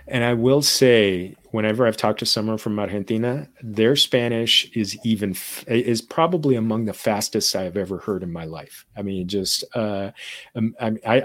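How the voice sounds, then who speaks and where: A podcast host with a low-ish voice chats casually in an interview, dropping Spanish phrases into his English amid frequent fillers. There's no room sound in the recording.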